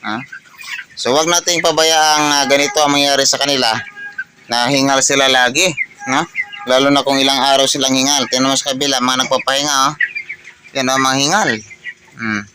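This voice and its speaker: A man giving a casual farm walkthrough, pointing at things and circling back to the same points. His voice sits at a middle pitch. Clucking chickens and farm noise come through clearly behind him. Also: flat delivery, fairly quick, pauses often. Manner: repetitive, pointing things out, many fillers and tag questions. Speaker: poultry farm vlogger.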